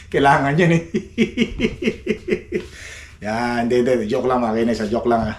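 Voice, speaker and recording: A man's voice: mid-range voice, fast talker. A man from the Philippines, chatting to his viewers in a playful, boastful, joking way, often breaking into laughter. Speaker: vlogger. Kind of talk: casual home vlog chat. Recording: faint background noise.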